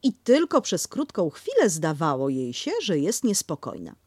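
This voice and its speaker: A woman narrating a children's storybook in an expressive, animated way. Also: low-pitched, normal speed, breathy edge, dry recording, clean studio sound.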